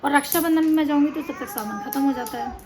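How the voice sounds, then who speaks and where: A young woman records a casual vlog at home, sounding worn out as she chats and grumbles. Her voice sits high with a gravelly edge, and the noisy home recording carries children's play and crying behind her. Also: fast. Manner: chatty, tired and complaining. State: tired. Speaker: vlogger. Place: indoors at home. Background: child crying and playing.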